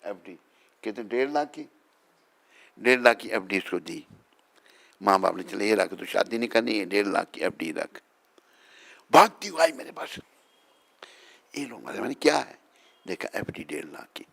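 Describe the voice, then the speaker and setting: Gravelly-voiced swami teasing his listeners. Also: fairly low pitch, lively intonation, normal speed, long pauses, a bit bright. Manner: teasing, chatty, keeps asking the listeners if he is right. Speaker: swami giving a morning talk. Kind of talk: informal spiritual talk with devotees.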